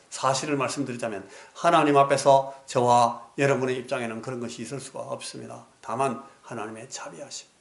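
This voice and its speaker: A man preaching a sermon in a church sanctuary, his voice sitting in a middle pitch. He moves between earnest exposition and soft, pleading appeals. The room gives him a noticeable echo. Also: vocal fry. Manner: earnest preaching that drops to soft pleading, then rises in anecdotes. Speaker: pastor.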